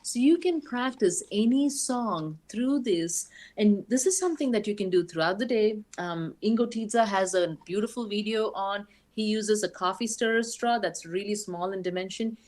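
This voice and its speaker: A woman's voice: medium pitch, moderate pace, few pauses, a little mellow. A woman giving a practical online lecture on voice care, demonstrating exercises and talking with frequent ums. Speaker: guest speaker on voice care. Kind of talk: webinar lecture.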